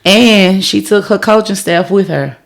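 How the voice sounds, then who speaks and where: Middle-aged mom co-hosting a sports pod, reads headlines, lots of ums. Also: female voice, mid-range voice, a little slow, vocal fry. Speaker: podcast co-host. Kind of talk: casual sports chat, reading out news.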